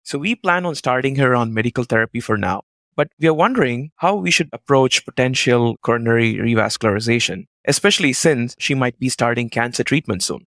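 A man's voice: medium pitch, lively intonation, brisk, a bit bright, dry recording. Young man hosting a medical podcast. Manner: appreciative, summarizing, presents case clearly. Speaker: podcast co-host, cardiology fellow. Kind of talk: podcast interview.

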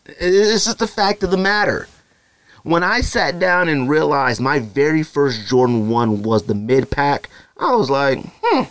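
A married adult man hosts a casual solo podcast, rambling conversationally with plenty of "you know" fillers. His fairly high, fairly bright, clean voice has lively intonation at a measured pace and jumps up whenever he makes a point, with no room sound.

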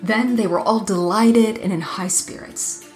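A woman narrating a folk tale in a measured, expressive reading voice. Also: mid-range voice, roomy sound, faint music behind. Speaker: storyteller. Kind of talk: storybook narration.

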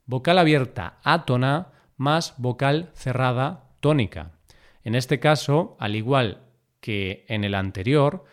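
Male teacher, scripted lesson read-out, slow and measured, mid-pitched voice, stresses syllables on each example word. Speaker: language teacher. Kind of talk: scripted spelling lesson narration.

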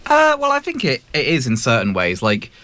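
A male critic gives a casual film review. His bright voice moves around a lot in pitch and is recorded very dry. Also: huge pitch swings, a little fast, no room sound.

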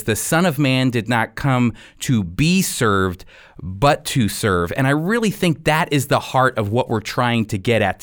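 Hosting a faith-based radio show, this man has a resonant, smooth voice pitched in the middle of the male range. His delivery is earnest and heavily emphatic.

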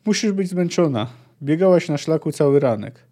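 A man reading a book aloud and voicing a calm, sardonic male swordsman who teaches a girl. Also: a little high, moderate pace. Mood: wry.

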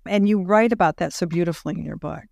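A woman hosting a podcast interview, reflective and measured, slowing down on key phrases. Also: fairly low pitch, vocal fry, darkish tone, no echo, clean studio sound. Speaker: podcast host. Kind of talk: interview conversation.

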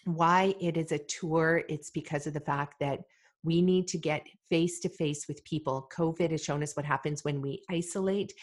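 Low-voiced earnest woman podcaster. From Malawi. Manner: earnest and deliberate, with fillers and repeated phrases. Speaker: podcast host. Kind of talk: solo podcast monologue.

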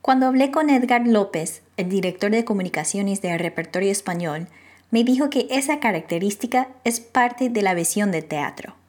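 A woman reporter delivering scripted narration for a radio feature. Her reading is measured and even. Her voice sits at a middling pitch for a woman.

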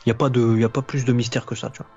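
A man guesting on a casual podcast, a YouTuber who analyses anime, explains his views at length with lots of fillers and restarts. His medium-pitched voice is mellow with a breathy edge, his delivery flat and racing. Soft music plays behind him, and the recording is dull and lo-fi.

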